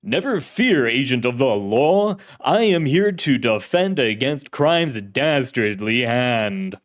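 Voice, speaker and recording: A narrator acts out a shadowy male crime-fighter in old radio serial manner. He declaims in a deep, booming voice, pompous and righteous, with grand theatrical emphasis on his noble cause. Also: expressive, slow pace. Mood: grandiose. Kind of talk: 1930s radio serial acting.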